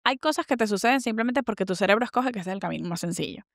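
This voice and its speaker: A woman's voice: mid-range voice, lively intonation, very fast, gravelly, dry recording, clean studio sound. A woman from Venezuela co-hosting a podcast in casual chat, eager and often finishing her partner's sentences. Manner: chatty, finishes the other's sentences. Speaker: podcast co-host. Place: living in Spain.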